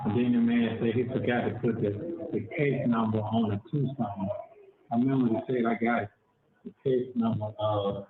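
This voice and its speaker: A man talking on a prison phone line, halting and repeating himself. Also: mid-range voice, steady tone. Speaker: inmate on a jail call. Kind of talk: phone conversation. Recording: tinny echoey prison phone line, faint noise.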